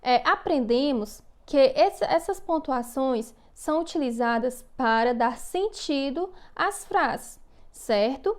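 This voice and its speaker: A woman from Brazil, a primary school teacher giving a video lesson to young children, speaking slowly and clearly and encouraging the class with questions. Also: high-pitched, animated.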